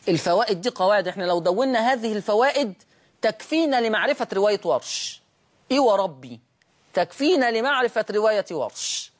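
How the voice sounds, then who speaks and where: A man with an Egyptian accent teaching a Quran recitation lesson, who repeats each word slowly and asks and then answers his own questions. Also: sits high. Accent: Egyptian Arabic.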